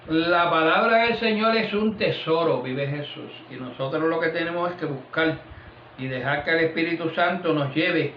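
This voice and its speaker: In an echoey, dull, lo-fi room recording with a bit of background noise, a man preaches a casual family prayer sermon at a moderate pace in a fairly high voice. This lay preacher keeps slipping "vive Jesús" and "aleluya" between phrases, his voice falling on them.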